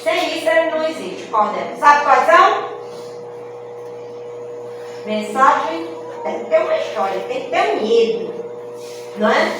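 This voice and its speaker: A cordel poet and speaker from Rio Grande do Norte, Brazil, lectures on verse at a literary festival in a high, expressive voice, moving at a moderate pace with frequent pauses. She explains things and keeps checking in with "não é?". The mic sits far from her in a large, echoey room, with music playing behind.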